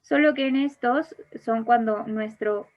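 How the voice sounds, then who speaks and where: Through a computer mic with dull, lo-fi audio, a woman with a fairly high, unhurried voice teaches English grammar online. She gives each rule in English, then explains it again in Spanish.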